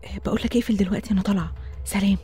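A young woman with an Egyptian accent playing a bossy, teasing middle sister, over soft music. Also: medium pitch, steady tone, very fast, breathy edge. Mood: secretive. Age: young adult. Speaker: college student sister. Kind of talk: radio drama acting.

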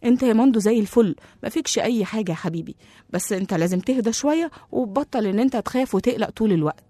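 Woman doing a friendly egyptian doctor, calm reassuring, mellow. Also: on the high side, rapid-fire, dry recording. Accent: Egyptian Arabic. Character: kind reassuring male doctor.

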